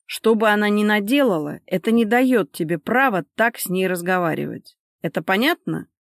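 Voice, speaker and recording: A stern, restrained grown man in an audiobook drama, played by a woman narrator. He speaks firmly and in clipped words, a little louder than the narration. The recording is dry and close. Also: mid-range voice, animated, moderate pace, dry recording, natural voice.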